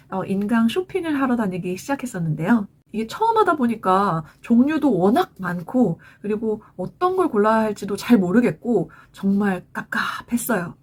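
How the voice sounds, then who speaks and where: A woman in her forties, a parent vlogger giving chatty advice to other parents in a scripted talk to camera. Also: on the high side.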